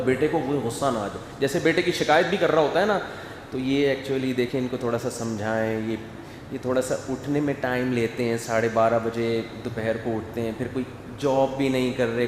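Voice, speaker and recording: Male preacher, animated, echoey hall, faint room ambience. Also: medium pitch, a little hiss or hum. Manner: animated, acts out family scenes. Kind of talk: sermon.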